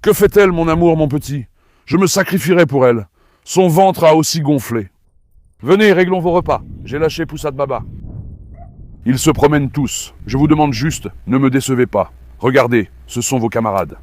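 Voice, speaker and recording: A man with a fairly high voice hosts a casual dog vlog, recorded dry and close. He coaxes his dogs with affection and pleads with his viewers. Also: moderate pace, darkish tone, no echo. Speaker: dog breeder and vlog host.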